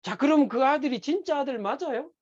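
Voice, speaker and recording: A church teacher giving a sermon-style lecture, telling stories in an animated way and acting out the dialogue. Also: high-pitched, fairly quick, highs cut off. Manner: animated storytelling, acts out quoted dialogue. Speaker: evangelism class teacher.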